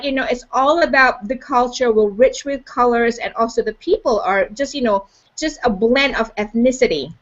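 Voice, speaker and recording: A woman from Malaysia hosting a live online show, upbeat and chatty with lots of "you know" fillers, over a video call. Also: high-pitched. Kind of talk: live webcast chat. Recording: dull lo-fi video call audio.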